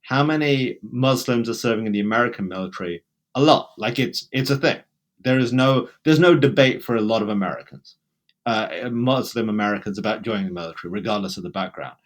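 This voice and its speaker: Speaking fairly quickly in a fairly low pitch, a man from England holds forth as an interview guest. The exchange is conversational, and his British-accented delivery is emphatic, broken into bursts and restarts.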